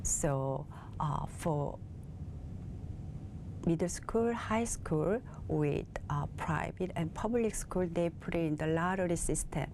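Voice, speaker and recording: A woman from South Korea, a native Korean speaker with a Korean accent, answers questions as a TV interview guest, speaking in a measured way as she searches for words in English. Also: low-pitched, a little mellow, slight background noise. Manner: measured, searching for words in her second language. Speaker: guest, bilingual facilitator.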